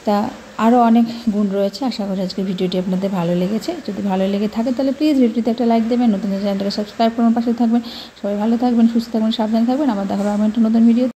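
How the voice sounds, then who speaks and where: A woman, hosting a channel, calmly explaining a classroom practice in a voice-over and signing off. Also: a little high, rapid-fire, a little hiss or hum, low-quality recording. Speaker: channel host.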